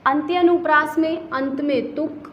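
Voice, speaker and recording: A woman's voice: high-pitched, fairly even intonation, a little slow, echoey room, highs cut off, slight background noise. A woman teacher giving an exam-prep grammar lesson. She explains each point step by step, asks rhetorical questions and answers them herself, and keeps saying "okay" as she moves between points. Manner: repeats "okay" to pace points.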